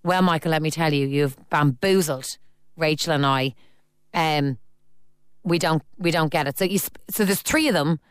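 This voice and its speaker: Female radio host, casual phone-in chat, reads messages out, low smooth voice. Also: moderate pace, no echo, clean studio sound. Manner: chatty, reads listener messages aloud. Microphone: studio microphone.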